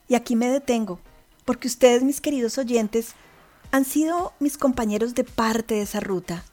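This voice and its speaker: A woman hosting a podcast, talking to her listeners in an emphatic, dramatic way. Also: a little high. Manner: warm, emphatic, dramatic delivery. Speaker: podcast host. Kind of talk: podcast monologue. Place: abroad in the United Kingdom.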